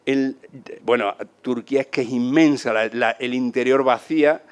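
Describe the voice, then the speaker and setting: Andalusian Spanish man, animated storyteller, mid pitch, brief travel yarns. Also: moderate pace, clear, resonant tone. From Spain. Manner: animated, acts out voices of people he met. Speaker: traveler telling anecdotes. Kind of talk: casual storytelling talk.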